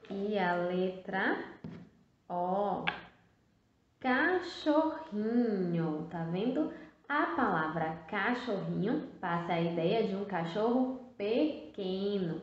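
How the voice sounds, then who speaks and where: A woman with a Brazilian Portuguese accent teaching a first-grade class in a recorded video lesson, stretching words out in a slow, sing-song teacherly way. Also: on the low side. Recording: very echoey, dull lo-fi sound.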